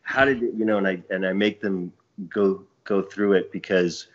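A man's voice: low-pitched, steady tone, moderate pace. A middle-aged man from Chile, a podcast guest telling a long family story in a rambling way that keeps restarting itself. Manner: rambling, self-interrupting storyteller. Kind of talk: casual podcast conversation. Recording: dull lo-fi audio.

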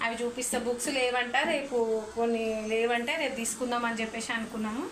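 Home vlogger: a woman, high and chatty, addressing viewers directly, recorded on a phone with loud household noise. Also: fairly even intonation, fast talker, poor audio. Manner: chatty, talks straight to viewers. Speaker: family vlogger. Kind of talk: casual home cooking vlog. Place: home kitchen.

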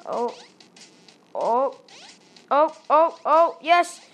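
An excitable Malaysian gaming channel host, accent clearly Malaysian, does let's-play commentary through a tablet microphone held near her face, yelping and pleading at the game. Her voice sits high, and she speaks extremely slowly.

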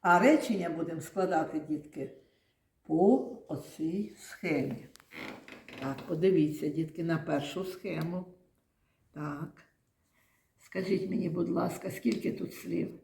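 A woman teaching young children, speaking in a slow, patient, coaxing way. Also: on the low side, vocal fry, a little mellow, reverberant. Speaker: primary school teacher. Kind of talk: classroom lesson for young children. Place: classroom.

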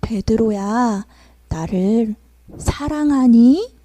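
A woman voicing a calm, loving grown man who calls and asks softly, in a storytelling sermon for children. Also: extremely high pitch, unhurried, a little hiss or hum, pitched above the performer's own voice, full character voice. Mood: tender asking. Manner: soft, calling, gently questioning.

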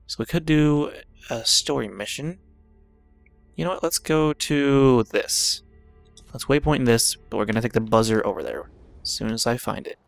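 A man's voice: mid-range voice, creaky, dry recording, soft background music. A man giving casual, chatty commentary over his own video game play, talking to himself. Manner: chatty, self-talking, quick bursts when excited. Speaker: gaming channel host.

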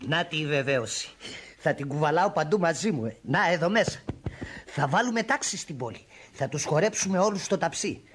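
A man's voice: fairly high pitch, lively intonation, slight background noise, natural voice. An actor playing a boastful, nosy male busybody in a radio drama, with a swaggering, coaxing manner.

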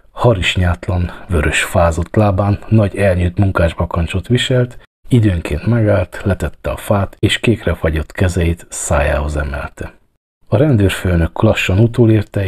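A man narrates a written story, steady and measured. His voice sits very low, with a husky, slightly breathy grain.

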